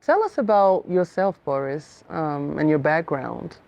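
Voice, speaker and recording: A woman hosts a podcast, reading her introduction from a script before she puts questions to her guest. Her voice sits on the low side for a woman. The recording sounds dull and lo-fi. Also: animated, a little slow, vocal fry, a little mellow. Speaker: podcast host.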